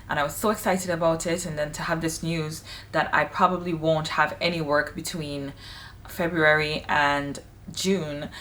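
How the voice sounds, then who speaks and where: Chatty woman, slightly low voice. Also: a bit bright, far from the mic, a little hiss or hum. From Saint Vincent and the Grenadines. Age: late 20s. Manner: candid, chatty, emphatic. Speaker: vlogger. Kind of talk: casual talk to camera. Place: home in Hong Kong, bathroom.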